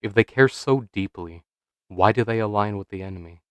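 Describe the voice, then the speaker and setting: A man with a low voice reads a scripted video essay in a measured, dramatic way, leaning on rhetorical questions. The recording is dry and close, clean in tone, with no room sound or echo.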